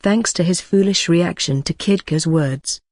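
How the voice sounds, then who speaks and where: Steady audiobook narrator, dry close sound. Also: medium pitch, a little slow, dry recording. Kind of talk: scripted narration.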